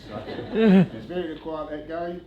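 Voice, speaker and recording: A man giving a eulogy for his brother-in-law, telling relaxed, joking stories at a funeral. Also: fairly high pitch, takes it slowly, muffled recording. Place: function venue. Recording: echoey venue with background noise.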